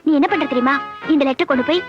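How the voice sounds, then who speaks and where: An actress playing a shrewd, bossy housewife in a comedy film, coaxing and giving orders. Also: female voice, high voice, very fast, natural voice. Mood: conspiratorial. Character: shrewd, scheming middle-aged housewife. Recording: dull film soundtrack, faint music.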